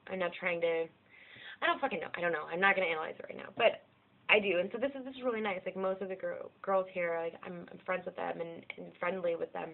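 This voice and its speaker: A young American woman vlogs casually about her life, rambling, self-deprecating, and swearing freely in a personal monologue. Her voice is lowish, gravelly, and fast, with fairly even intonation. The audio is tinny, lo-fi, and narrow-band.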